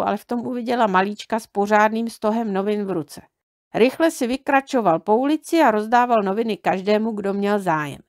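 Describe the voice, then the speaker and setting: A woman reading a children's book aloud in a calm, measured way. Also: mid-range voice, dry recording, clean studio sound. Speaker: audiobook reader.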